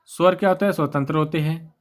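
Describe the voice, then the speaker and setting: Man, exam-prep teacher, fairly high voice, repetitive question-and-answer manner. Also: fast talker. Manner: repetitive, asks and answers his own questions. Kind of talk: exam-prep grammar lesson.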